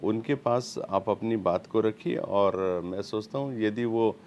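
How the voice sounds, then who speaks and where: Slow, low-voiced man with many pauses. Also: lo-fi sound, background noise. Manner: slow, hesitant, many fillers. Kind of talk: panel debate statement.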